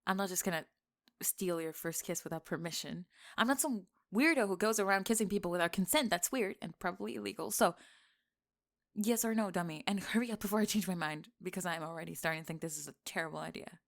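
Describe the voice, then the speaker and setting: This woman's fairly low voice carries vocal fry as she acts out a bossy tomboy best friend harboring a secret crush, in an intimate ASMR roleplay. She sounds teasing yet defensive, nervous and bossy, her delivery stammering and halting.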